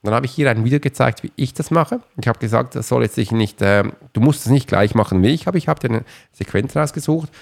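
A man's voice: medium pitch, fast, gravelly, few pauses, darkish tone. A man, talking as a podcast host and coach in a chatty, rambling way and speaking straight to the listener. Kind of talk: casual motivational monologue.

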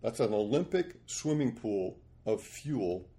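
Gravelly older man telling stories. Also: fairly low pitch, unhurried. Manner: rambling, animated storyteller. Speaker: guest. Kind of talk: storytelling interview.

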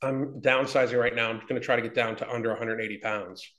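Here the same fifty-something fitness business owner talks quickly in a steady, fairly bright mid-range voice. Blunt and heavy on swearing, he rambles and restarts as a guest in a casual interview, with the room audibly echoey.

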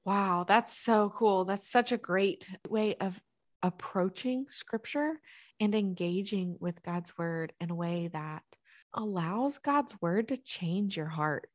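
A woman's voice: mid-range voice, slow pace, no echo, studio quality. A woman hosting a faith chat who responds with enthusiasm and affirmation.

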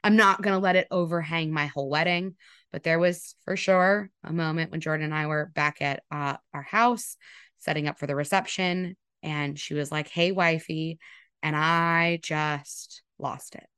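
Southern woman host in her thirties, low-pitched, dry close sound, casual podcast chat, frank and chatty. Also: moderate pace, fairly bright tone, smooth, no echo. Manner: candid, chatty, swears freely, acts out quotes. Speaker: podcast host and wedding photographer.

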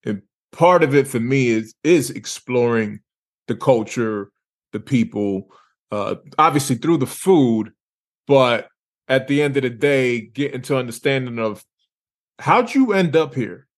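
Relaxed slangy male interview host. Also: medium pitch, measured pace. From Lawrence, Massachusetts, USA. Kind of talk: casual interview chat.

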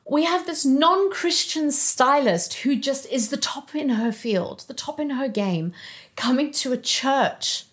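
A woman giving an emotional personal testimony as a podcast guest, speaking haltingly with restarts and some soft, whispered moments. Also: high-pitched, expressive.

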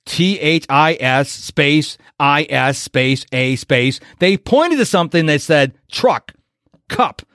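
Upbeat male podcast host, animated and fairly high-voiced, close dry mic. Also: no echo. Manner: energetic, animated, enthusiastic delivery.

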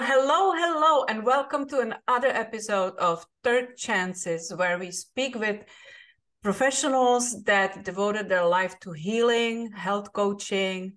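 A Czech podcast host with a fairly high, slightly bright voice opens with a scripted intro and then conducts an interview. She speaks with a Czech accent, and her delivery is upbeat, inviting, and emphatic.

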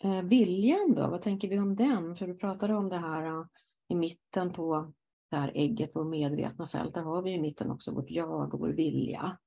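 A woman hosting a conversation as a therapist, explaining ideas slowly and reflectively with frequent affirming murmurs. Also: lowish voice, vocal fry, warm tone, muffled recording. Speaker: podcast host, psychosynthesis therapist. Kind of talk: calm conversational interview.

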